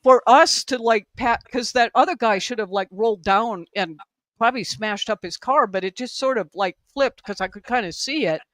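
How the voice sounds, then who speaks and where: A woman hosting a casual podcast chat, telling her story in an animated, rambling way. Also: on the high side, moderate pace, dry recording. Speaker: podcast host.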